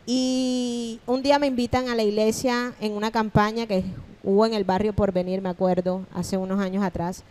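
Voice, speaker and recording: A woman's voice: mid-range voice, moderate pace, hardly any pauses. A woman pastor giving her personal testimony as a podcast guest, telling it animatedly and acting out the things people said to her. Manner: animated storytelling, acting out remembered dialogue.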